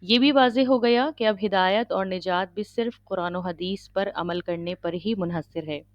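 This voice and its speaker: A woman giving a religious lecture, teaching in a measured way and checking in with her listeners. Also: medium pitch, no room sound, dull audio. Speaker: Islamic lecturer.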